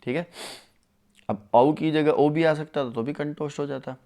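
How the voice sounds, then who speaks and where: Speaking close to the mic at a fairly high pitch with a steady tone, this Sanskrit teacher leads a live online class for exam takers. He's eager and warm, calls his viewers friends, and stretches every grammar rule out syllable by syllable so students can follow.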